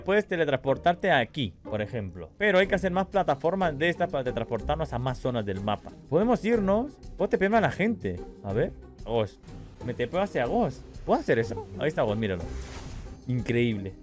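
A young man, commentating a multiplayer survival game for his viewers and getting excited at every big moment. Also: fairly high pitch. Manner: excitable, shouts at the action, addresses viewers as "gente". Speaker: gaming streamer. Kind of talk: excited let's-play commentary.

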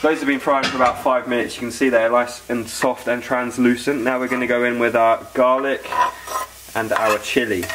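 A British man in his twenties hosts a casual cooking tutorial from his home kitchen, informal and enthusiastic. His medium-pitched voice keeps a level tone at a moderate pace, with background noise present.

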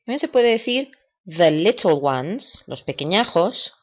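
Low-voiced woman teaching English. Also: very animated. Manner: patient, repeats words slowly for imitation. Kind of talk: video lesson, explaining and drilling words. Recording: dull lo-fi recording.

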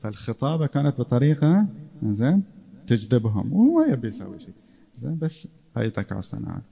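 A man's voice: mid-range voice, sing-song, quick pace, vocal fry, warm tone, husky. A man giving a casual classroom lecture, conversational and often checking in with his listeners.

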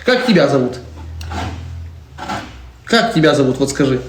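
A man's voice: mid-range voice, sing-song, moderate pace. A man in his twenties, a priest chatting on a live stream in a church, answering viewer comments and teasing his little daughter. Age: 20s. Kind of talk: casual live-stream chat. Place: church interior. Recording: roomy echo, faint background noise.

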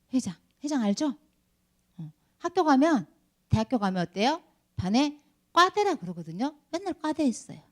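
Animated woman preaching to children. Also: medium pitch. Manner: animated, asks children questions often. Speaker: Sunday school teacher. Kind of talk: children's sermon.

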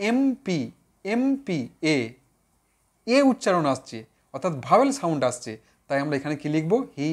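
A male teacher giving an online grammar lesson in a lively voice that rises and falls. He speaks straight to the viewers and poses questions he then answers himself. He stretches out example words and repeats them slowly to drill the sounds. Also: sits high. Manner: addresses viewers directly, asks and answers own questions.

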